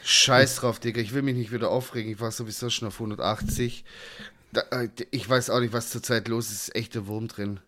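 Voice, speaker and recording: A man co-hosting a podcast, telling stories in a casual chat with an animated, ranting delivery full of slang and swearing. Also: medium pitch, fairly quick. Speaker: podcast co-host.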